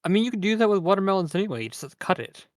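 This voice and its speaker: Podcast co-host, rambling and deadpan, mid-pitched, dry close-miked sound. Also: no echo. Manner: rambling, quick deadpan asides. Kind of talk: casual chat.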